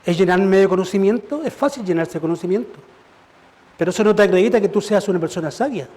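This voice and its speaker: A pastor delivers a sermon at a church service in a high, quick, slightly mellow voice. His style is conversational, and he poses rhetorical questions.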